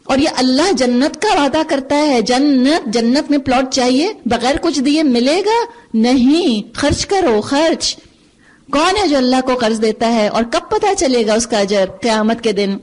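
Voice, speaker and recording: A woman's voice: high-pitched, expressive, a little mellow. A woman giving a Quran commentary lecture, earnest and full of rhetorical questions, slipping English phrases into her speech. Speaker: Quran teacher. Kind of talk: tafseer lecture.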